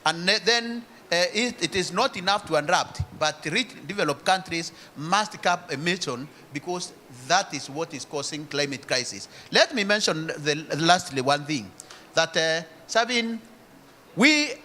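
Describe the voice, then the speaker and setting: A man from Kenya speaks on a conference panel in a fairly high, bright voice. He is earnest and halting, often restarting his sentences. Faint noise sits behind him. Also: animated. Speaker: panel speaker for a climate justice alliance. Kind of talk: panel discussion remarks.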